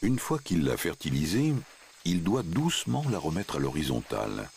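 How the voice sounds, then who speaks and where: A man's voice: a bass voice, huge pitch swings, moderate pace, vocal fry, a little mellow, slight background noise. A man reading scripted narration for a nature documentary.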